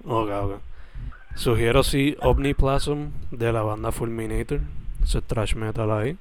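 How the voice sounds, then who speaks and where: Male co-host, casual recommendations chat, smooth mid-pitched voice. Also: fairly even intonation, a little slow. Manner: easygoing, mixes in English words. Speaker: podcast co-host.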